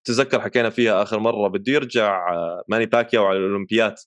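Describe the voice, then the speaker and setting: A man's voice: lowish voice, steady tone, rapid-fire, dry recording, clean studio sound. A man with a Levantine Arabic accent explaining things casually as a podcast co-host, dropping in English terms as he talks.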